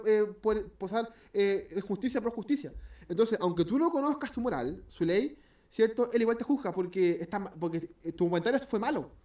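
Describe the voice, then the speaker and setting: An informal Bible study is taught by a Chilean-accented man with a high, darkish voice. He talks in a chatty way, corrects himself, and acts out everyday scenes as examples. His voice sounds distant from the mic.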